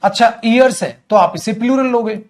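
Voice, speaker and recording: Speaking at a normal speed in a very high-pitched voice, a man leads a streamed English grammar lesson and reads live comments. He repeats key terms, calls students "beta," and performs mini skits featuring students and their moms.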